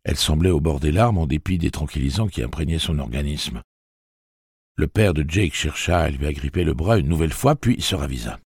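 A man narrating a novel aloud in a measured, dramatic storytelling manner. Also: rumbling low, creaky, slightly rough, no room sound, clean studio sound. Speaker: audiobook narrator.

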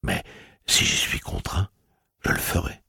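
A man voicing a weary, stern gunslinger in an audiobook, speaking slowly in a velvety, measured way with a creaky, husky voice. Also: bright, forceful tone, no room sound, studio quality. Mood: cold resolve. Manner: slow, low, velvety and measured. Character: weary, stern male gunslinger, calm and cold.

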